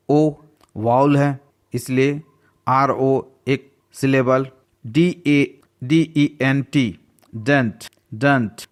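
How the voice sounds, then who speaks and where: A man teaching a slow English lesson, patiently spelling words out letter by letter. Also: mid-range voice.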